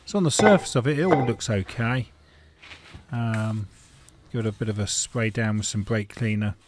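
A man's voice: fairly low pitch, moderate pace. A middle-aged man, talking casually and frankly as he works on a car in an indoor garage, thinking aloud with fillers. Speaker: home mechanic. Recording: faint noise and tool clicks.

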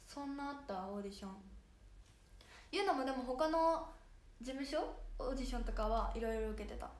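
In an echoey room with faint music behind her, a young woman with a Hiroshima dialect hosts a relaxed idol livestream, chatting and thanking viewers by name. Her voice is high and moves along fairly quickly.

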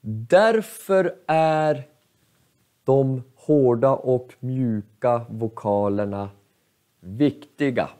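A male teacher giving a slow, clear lesson in short halting phrases, spelling out letters one by one. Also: mid-range voice, dark tone. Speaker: Swedish teacher.

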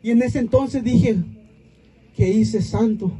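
A man's voice: extremely high pitch, takes it slowly, mellow, husky. A man giving an impassioned church testimony at an outdoor prayer vigil, calling out to the congregation like a preacher.

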